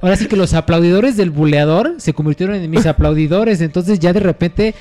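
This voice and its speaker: A young man with a Mexican accent banters on a podcast, joking and mimicking the people he talks about. His voice sits a bit high, and soft music plays underneath. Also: fairly quick. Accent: Mexican Spanish. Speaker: podcast co-host. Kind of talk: casual comedic chat.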